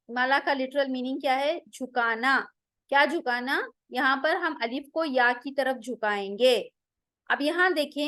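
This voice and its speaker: A woman teaching Quran recitation rules, explaining patiently and drilling pronunciations slowly, one sound at a time. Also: high voice, fairly bright tone, no room sound. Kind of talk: online tajweed lesson.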